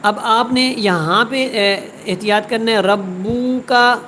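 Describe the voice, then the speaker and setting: A woman teaching a word-by-word Quran tajweed lesson. She recites each word slowly and drawn out, then explains quickly. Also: on the high side, fairly bright tone, a little hiss or hum, rough recording.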